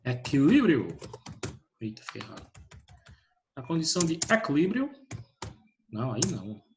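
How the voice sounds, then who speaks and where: A man gives an online physics lesson from home, speaking at an ordinary middle pitch. He calls students by name, throws out questions and answers them himself. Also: sing-song, moderate pace, vocal fry, noisy background. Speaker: teacher.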